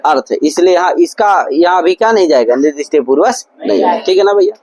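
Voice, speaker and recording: Male teacher, high-pitched, quizzes students nonstop, repetitive drilling, gurukul classroom. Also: expressive, quick pace, a little mellow, no room sound, rough recording. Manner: constant call-and-response questions to students. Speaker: Sanskrit grammar teacher. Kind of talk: classroom lecture.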